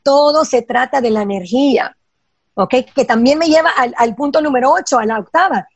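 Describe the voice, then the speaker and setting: A woman's voice: high voice, brisk, no room sound, muffled recording. A woman giving spiritual advice in an emphatic way, asking rhetorical questions and dropping in English phrases. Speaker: guest teaching Kabbalah ideas. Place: lives in Los Angeles.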